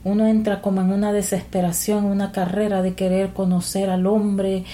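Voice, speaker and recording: A woman, sharing her life story as a guest in an earnest, unhurried way. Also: medium pitch, flat delivery, mellow. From El Salvador. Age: 40s. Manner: earnest and unhurried, with devout phrasing. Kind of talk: personal testimony in conversation.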